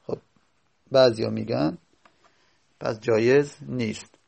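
A man teaching a grammar lesson, explaining step by step and slowly repeating each word form as he goes. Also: medium pitch, fairly even intonation, creaky, a little mellow. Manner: reads out lines of a textbook before explaining them.

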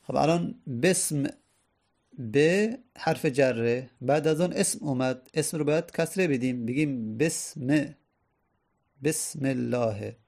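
A man's voice: medium pitch, vocal fry, darkish tone. A man teaching an Arabic grammar lesson, explaining each point patiently and repeating it step by step.

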